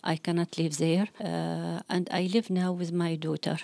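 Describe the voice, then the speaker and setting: A woman's voice: on the low side, flat delivery, measured pace, vocal fry, mellow, no echo, clean studio sound. A woman from Syria, introducing herself in a subdued, hesitant way. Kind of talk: short self-introduction.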